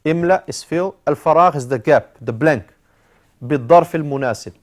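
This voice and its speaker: Halting man teaching a classroom lesson. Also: fairly high pitch, a little mellow. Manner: halting, with frequent "uh" fillers, mixing in Arabic terms; explains step by step, repeating key words. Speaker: Arabic teacher.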